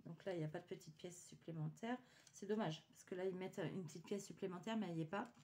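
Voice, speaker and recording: A woman hosting a craft channel, chatting casually through an unboxing with many hesitations and dropping to quiet muttering as she handles items. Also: on the low side, fast talker.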